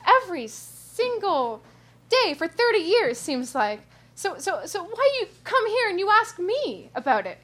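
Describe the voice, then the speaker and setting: Woman reading as brash middle-aged woman, blunt, animated, higher voice, unhurried. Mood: exasperated. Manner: animated, blunt, rising and loud.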